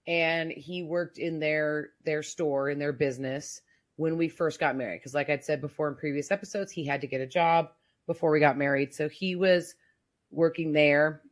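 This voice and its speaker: As a guest on a podcast, a woman with a very low voice shares her personal story in conversation. She is reflective and halting, restarting many times.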